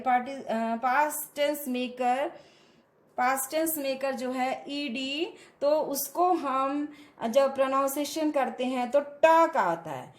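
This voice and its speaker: A woman teaching English pronunciation in a classroom lesson, explaining patiently in Hindi mixed with Indian-accented English and checking in with listeners. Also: high voice. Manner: explains slowly, mixing Hindi with English phrases, frequent "है ना" checks.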